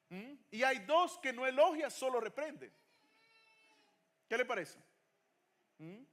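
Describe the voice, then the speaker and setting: High-voiced preaching pastor. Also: male voice, fairly bright tone. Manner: preaching with rhetorical questions, mixing in English phrases. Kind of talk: sermon.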